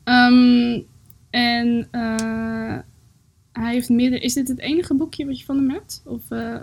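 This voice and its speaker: A woman in relaxed conversation, talking in a slightly raised pitch. She pauses often and fills the gaps with hesitant fillers. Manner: friendly, hesitant, many fillers. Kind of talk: casual chat.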